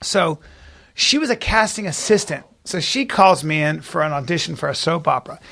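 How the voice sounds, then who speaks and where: A man's voice: on the high side, lively intonation, normal speed, vocal fry, bright, forceful tone. A man co-hosting a podcast, telling self-mocking anecdotes in casual chat and laughing often as he goes. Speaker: podcast co-host.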